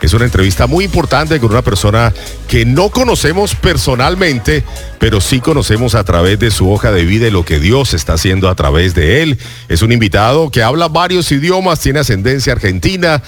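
A man hosting a radio interview, asking his questions in a formal, measured way. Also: medium pitch. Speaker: radio host.

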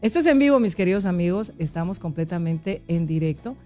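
A woman hosting a live online interview, talking in a warm, chatty way and often repeating herself. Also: on the low side, animated, a little fast, faint music behind. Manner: warm, chatty, repeats herself while fixing tech trouble. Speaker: host.

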